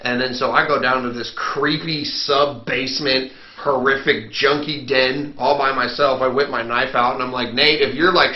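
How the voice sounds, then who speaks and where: A man, a rap artist guest, telling a story in casual chat, laughing often and acting out what others said. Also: fairly high pitch. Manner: animated, laughing often, acts out quotes. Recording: roomy, slightly dull sound.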